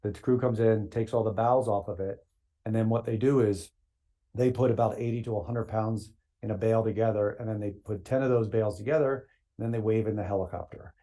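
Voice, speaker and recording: A man talking as a podcast guest, telling energetic stories and laughing often. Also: on the low side, a little fast. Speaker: floral greens sales executive guest. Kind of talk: casual podcast chat, storytelling.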